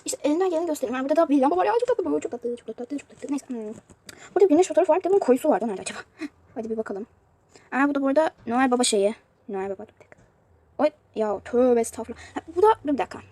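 A woman's voice: sits high, animated, very fast, dark tone. A woman giving casual commentary on a mobile game she is playing, chatty and prone to exasperated outbursts. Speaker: youtuber showing a mobile game.

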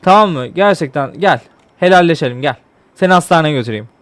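A man's voice: on the high side, expressive, fairly quick, a bit bright, no room sound. A man giving casual gameplay commentary, pleading and apologizing to a game character. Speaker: gameplay streamer.

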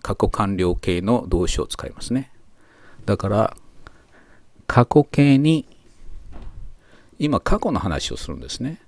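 Slow deep-voiced male English teacher. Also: sing-song, no room sound. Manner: slow, careful model sentences with pauses. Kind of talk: explaining grammar to learners.

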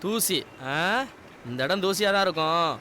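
Sarcastic young boss, curt, noisy background. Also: male voice, sits high, moderate pace, sharp tone. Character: stubborn young man avoiding marriage, bossy at work. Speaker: film hero, factory boss. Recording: noisy film soundtrack.

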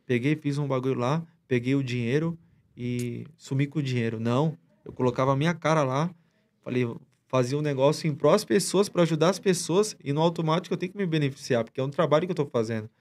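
Male podcast guest, easygoing slangy storyteller, restarts often, average pitch. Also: quick pace, a little mellow. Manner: rambling slangy retelling with many restarts. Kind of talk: casual storytelling chat.

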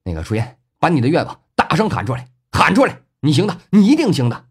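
A man voicing an exuberant young rich heir who shouts and urges others on. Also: medium pitch, big pitch swings, fast talker, husky. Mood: urging loudly. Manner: shouting, stammering when overwhelmed.

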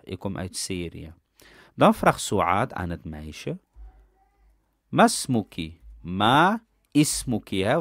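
Slow, animated man teaching Arabic grammar. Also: fairly low pitch, dry recording, studio quality. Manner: explains step by step, asks "ja?" to check understanding. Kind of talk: recorded language lesson.

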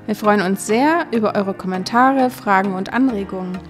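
A woman's voice: mid-range voice, moderate pace, soft background music. A woman hosting a wedding podcast, chatting in an upbeat, laughing way. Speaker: podcast host, wedding planner.

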